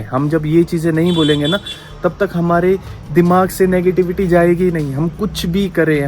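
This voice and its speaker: An earnest young man with a Pahari-region Hindi accent chats reflectively into his phone outdoors, repeating phrases for emphasis. His voice sits a little high for a man. Soft music plays behind him. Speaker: vlogger. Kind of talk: casual vlog talk with spiritual musing. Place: outdoors at home, yard.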